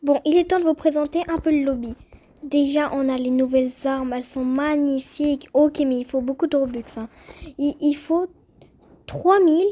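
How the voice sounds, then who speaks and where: Excitable high-pitched young woman gamer. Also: moderate pace. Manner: chatty, excitable, addresses viewers directly. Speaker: gaming youtuber. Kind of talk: casual gameplay commentary.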